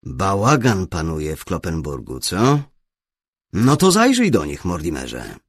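A man voicing a gruff, self-pitying older male bishop who mocks and scolds loudly, in an audiobook. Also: deep voice, wildly swooping pitch, a little slow, dry recording, clean studio sound, exaggerated voice. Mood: gruff mocking. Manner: mocking, lordly, bursts of loud scolding. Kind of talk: audiobook character reading.

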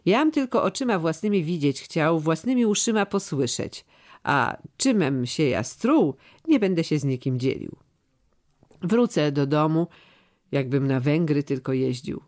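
A man reads the audiobook role of a loyal, aging steward, using a high-leaning, sing-song voice with a darkish tone and an unhurried pace. His lines come across as solemn, earnest, grave, and old-fashioned.

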